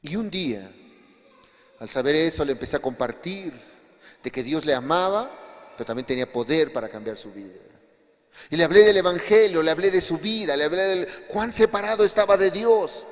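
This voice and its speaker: A male pastor preaching a sermon, telling a testimony with emphatic swings between quiet and raised passages. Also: fairly high pitch, animated, normal speed. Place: church hall. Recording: long hall reverb.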